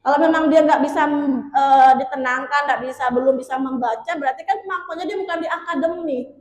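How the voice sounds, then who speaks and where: A woman with a high voice gives a casual workshop talk to teachers. She chats directly with her listeners, calling them sir and ma'am. Her voice rings in an echoey meeting room. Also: fairly quick. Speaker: workshop presenter.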